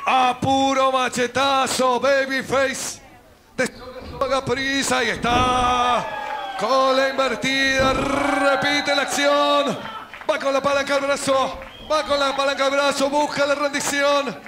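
Argentine man, wrestling play-by-play commentator. Very high, excited delivery with emphatic repetition, over a noisy live arena. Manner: emphatic, repeats phrases, drawn-out exclamations at big moves. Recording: loud crowd and arena noise. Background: wrestling crowd in small indoor arena.

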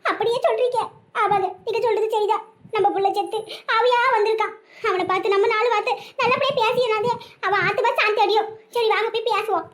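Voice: very high-pitched, steady tone, fairly quick, fairly bright tone. A performer voicing a panicky village mother in a cartoon comedy, speaking with a Kanyakumari Tamil accent in a piercing, frantic voice. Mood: tearful.

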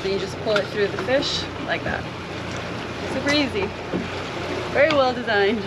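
A woman in her thirties giving a relaxed, step-by-step how-to demonstration on an open boat, filmed with an action camera. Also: on the high side, moderate pace. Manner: relaxed, step-by-step explaining with fillers like "like" and "so". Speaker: spearfishing vlogger. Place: open boat deck on the sea, outdoors. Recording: action camera with loud wind and sea noise. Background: loud wind and water noise.

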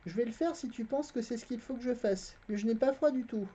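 A reader voicing an earnest, quick-witted young farm boy in a high, eager voice, reading a fantasy novel aloud. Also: warm tone, husky, close to an everyday voice. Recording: dull, lo-fi stream audio.

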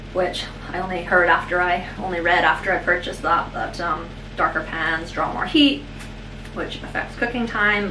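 A middle-aged woman vlogging from her home kitchen, self-deprecating and halting, full of ums, filmed on a phone. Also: lowish voice, reverberant, noisy background. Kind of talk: casual kitchen vlog. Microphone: phone camera.

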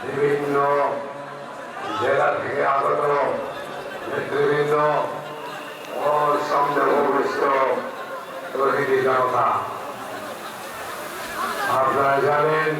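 A man's voice: level tone, takes it slowly, long pauses, a crowd in the background. A man gives an emphatic political rally speech in short, separated phrases. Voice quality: booming voice. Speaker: parliamentary candidate, political speaker. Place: large public rally, over a PA system. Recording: echoing loudspeakers, distant mic, noisy.

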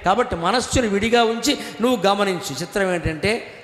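A man giving a spiritual discourse, animated and teasing, sometimes chanting verses. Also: high-pitched, fairly quick. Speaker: spiritual lecturer. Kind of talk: Telugu religious discourse. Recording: echoey hall.

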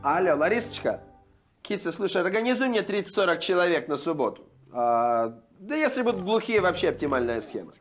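A cynical pop producer talks down to his star with sarcastic scorn. His voice sits high for a man and swings up and down all the time. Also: big pitch swings, a little fast, soft background music. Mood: businesslike. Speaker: music producer. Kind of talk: comedy sketch acting.

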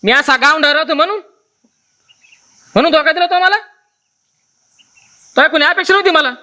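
A betrayed rustic husband. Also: male voice, very high voice, normal speed, bright, forceful tone, full character voice. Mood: angry. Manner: accusing, scornful.

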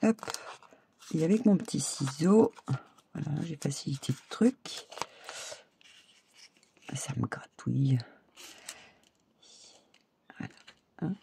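A woman's voice: low-pitched, animated, a little slow, creaky, pauses often, warm tone, a little hiss or hum. A woman hosting a casual crafting tutorial, chatting and narrating her steps as she works. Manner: chatty, talks while working, many fillers. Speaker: crafting video host.

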